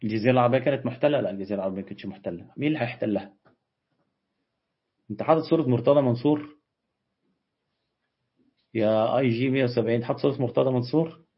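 A man with an Egyptian accent hosting a live stream, reading out viewer comments and answering them with quick, dismissive retorts. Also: mid-range voice, slightly rough. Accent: Egyptian Arabic. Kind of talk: casual live Q&A on religion and history. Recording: dull lo-fi stream audio.

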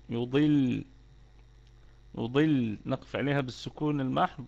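A man's voice: mid-range voice, gravelly, dull audio. A man with an Egyptian accent teaching Quran recitation rules in an online lesson, explaining step by step and repeating key words.

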